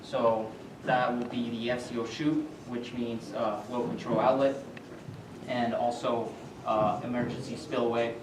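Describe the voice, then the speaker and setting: A man's voice: mid-range voice, little pitch movement, measured pace. A young man giving a student team presentation, hesitant, with many filler sounds and restarts, recorded far off in an echoey, noisy room.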